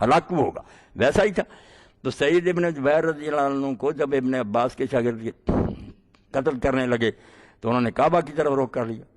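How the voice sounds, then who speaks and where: A man delivering a religious sermon, storytelling passion, swinging his pitch widely and reciting verses slowly. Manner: asks listeners short checking questions. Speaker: preacher.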